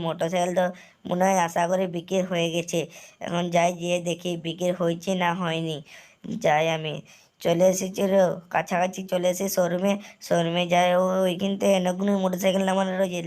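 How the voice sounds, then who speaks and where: A woman's voice: on the low side, level tone, fairly quick, a little mellow. A woman narrating a first-person game story in a rambling, repetitive way, speaking straight to viewers. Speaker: gaming channel narrator.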